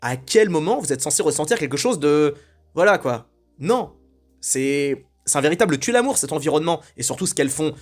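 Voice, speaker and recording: A man's voice: on the high side, expressive, fairly quick. A man delivering an opinionated commentary monologue in a blunt, indignant way, rambling and hesitating often. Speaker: video commentator.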